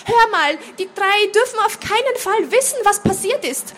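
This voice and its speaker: Woman doing a freaked-out teen girl, pleading, high voice, bit of room hum. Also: moderate pace. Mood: agitated. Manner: agitated, pleading. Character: teenage girl, panicked, grumpy, suddenly bearded. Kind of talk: reading aloud.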